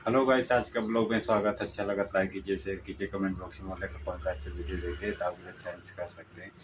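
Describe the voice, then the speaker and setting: A man's voice: low-pitched, little pitch movement, quick pace. A man introducing his video as a vlogger in a chatty, informal way. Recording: noisy background.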